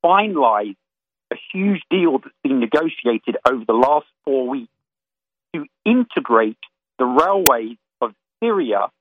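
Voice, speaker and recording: Fast-talking male caller on a phone line. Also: mid-range voice, very animated. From Florida. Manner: rapid, detailed geopolitical briefing. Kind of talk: call-in radio commentary.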